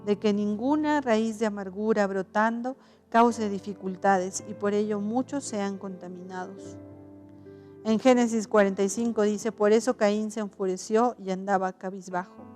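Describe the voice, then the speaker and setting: A woman's voice: medium pitch, a little mellow. A woman pastor giving a conversational sermon, often restarting her sentences, adding tag questions and acting out quoted voices.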